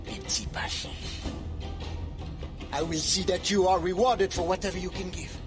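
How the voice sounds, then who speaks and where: This game cutscene, scored with background music, features an actor as the resolute, earnest head of a community of freed slaves who measures his words and quotes French Creole proverbs. His pitch is high and his pace moderate, close to an everyday speaking voice.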